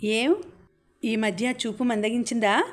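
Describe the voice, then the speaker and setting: A woman's voice: fairly high pitch, fairly even intonation, a little slow. A woman reading the part of a friendly young man who teases a childhood friend, in a light, easygoing way. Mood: teasing. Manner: teasing, easygoing.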